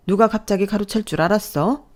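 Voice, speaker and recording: A woman's voice: medium pitch, brisk, voice pushed up, lightly acted. A woman reading a scolding, snobbish mother-in-law. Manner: scolding, belittling. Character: scheming middle-aged mother-in-law, sharp and snobbish. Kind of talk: scripted story narration.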